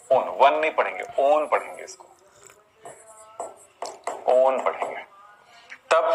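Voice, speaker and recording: A man's voice: on the high side, a bit bright, poor audio. A man teaching a chemistry lesson, explaining step by step, counting carbons aloud and asking his students rhetorical questions. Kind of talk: classroom lecture on chemistry naming.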